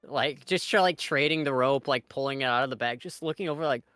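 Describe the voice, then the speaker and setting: A man's voice: mid-range voice, a little fast, a bit bright, clear, resonant tone, no echo, clean studio sound. A man playing a tabletop game, chatting casually and easygoing. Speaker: player.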